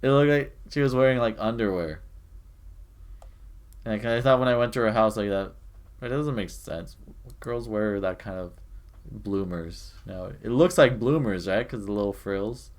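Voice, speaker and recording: A young man streaming a game, making crude jokes and loud reactions in casual chat. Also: on the low side, moderate pace. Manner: joking, crude, reacting loudly. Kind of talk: casual live game commentary. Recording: faint game music behind.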